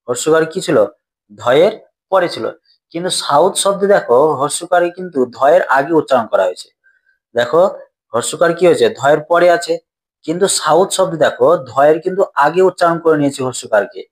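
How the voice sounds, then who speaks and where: A man with a voice pitched a little above the usual talks through a grammar lesson, step by step. He keeps putting questions to his students and answering them himself, going over each point twice. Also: animated, fairly quick. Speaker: teacher.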